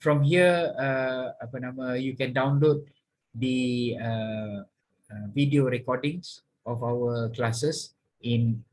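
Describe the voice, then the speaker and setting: A man's voice: medium pitch, slow, darkish tone. Male university lecturer, online class, code-switching with many fillers. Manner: mixes English with Malay, many fillers. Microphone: online class call.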